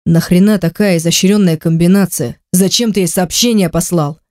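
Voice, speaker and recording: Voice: medium pitch, steady tone, normal speed, a little mellow, no room sound, studio quality, lightly acted. A reader voicing a blunt young male friend. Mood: reproachful. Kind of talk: audiobook character voice.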